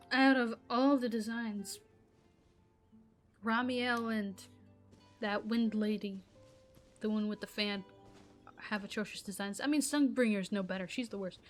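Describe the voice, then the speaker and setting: A gaming vlogger whose native language is Arabic rants casually to camera, rambling and exasperated, often cutting off mid-sentence. Her medium-pitched voice moves a bit slowly with long pauses, and faint music plays behind her.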